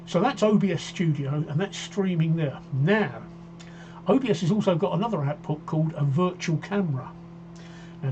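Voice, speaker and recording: A man in his sixties hosts a casual livestream, rambling and often repeating himself as he reads out viewer comments. His fairly high voice is mellow, captured on a desk microphone with dull audio and slight background noise.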